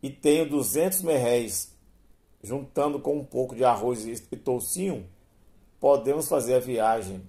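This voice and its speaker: A man reading aloud and voicing an older, devout godfather who speaks slowly and reassuringly. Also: mid-range voice, dark tone, natural voice.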